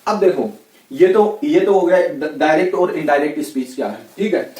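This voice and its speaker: A man with a Rajasthani Hindi accent and a fairly high voice, teaching grammar in a loose, chatty classroom way. He keeps checking in with his listeners. The echoey room and his distance from the mic give the sound a hollow edge. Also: moderate pace, darkish tone. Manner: chatty, repeats "ठीक है, है ना" constantly. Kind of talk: casual classroom lecture.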